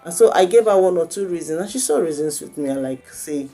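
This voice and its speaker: A woman from Lagos with a Nigerian accent gives informal parenting advice and anecdotes in a conversational way, raising questions and answering them herself. Her voice is fairly low, dark and expressive, her pace is quick, and soft music plays in the background.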